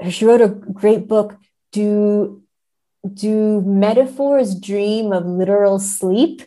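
A woman with a gravelly, dark, mid-range voice appears as a podcast guest in a conversational discussion of literature. She speaks thoughtfully and frequently checks in using tag questions.

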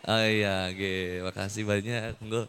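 A man's voice: fairly low pitch, flat delivery, a little slow, fairly bright tone. A man giving a casual, humorous sermon to young people, teasing the audience with playful questions. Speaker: preacher. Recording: long hall reverb.

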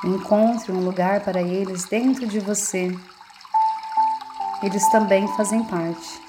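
Speaking with a Brazilian accent, a woman leads a meditation in a calm, unhurried way, letting long pauses hang between short phrases. Her mid-range voice stays steady, heard over loud music.

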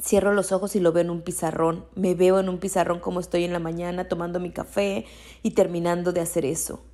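A woman's voice: lowish voice, level tone, fairly quick, warm tone. A woman with a Mexican accent, a coach for women entrepreneurs, giving motivational podcast talk in an encouraging way and repeating her key phrases.

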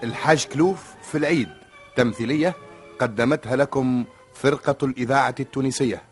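Man, radio announcer, old radio broadcast, closing credits of a radio play, formal, quick delivery, faint music behind. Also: mid-range voice. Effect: old radio broadcast sound.

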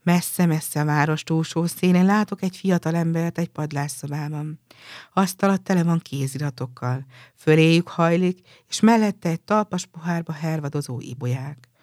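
A woman voicing a generous, sorrowful statue prince who gives everything away, in a gentle storybook telling. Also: low-pitched, dry recording, studio quality, lightly acted. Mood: pleading.

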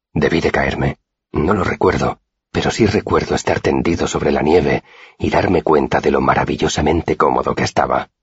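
A man narrating an audiobook in a steady, measured first-person telling, in a dull, dry recording. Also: rumbling low, slightly rough, no echo.

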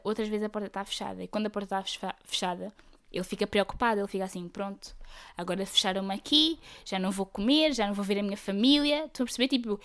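Clear-voiced young European Portuguese woman, chatty. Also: mid-range voice. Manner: informal, slangy, mixing in English words. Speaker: podcast host. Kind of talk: casual solo podcast chat.

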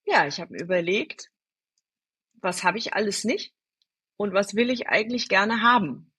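A woman guest in a podcast interview, telling personal stories in a lively way, answering her own rhetorical questions and speaking straight to the listener. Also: medium pitch, moderate pace, husky. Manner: addresses the listener directly. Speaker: storytelling guest.

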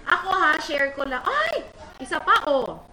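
A woman's voice: high-pitched, lively intonation, normal speed, bright, forceful tone. A woman hosting a casual live stream chat, bubbly and reading viewer comments aloud. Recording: roomy and noisy.

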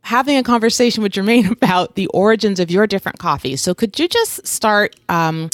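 A woman's voice: mid-range voice, expressive, brisk, no echo. A woman hosts a podcast in a jokey, giggly way and keeps the conversation moving. Her voice is recorded dry and close, with little room sound. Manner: jokey, giggly, drives the segment. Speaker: podcast host. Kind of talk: casual podcast chat.

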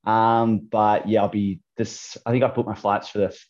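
A man's voice: lowish voice, flat delivery, moderate pace, darkish tone, dull audio. An Australian man in his thirties, a podcast guest chatting casually over a call, full of ums and restarts. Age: 30s. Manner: hesitant, many fillers and restarts. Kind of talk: casual chat.

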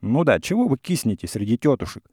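A man voicing a hot-headed young gentleman suitor in a classic story reading, talking in a heated, insistent way. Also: medium pitch, very animated, quick pace, slightly rough, dry recording, studio quality. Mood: indignant. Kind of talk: audiobook character reading.

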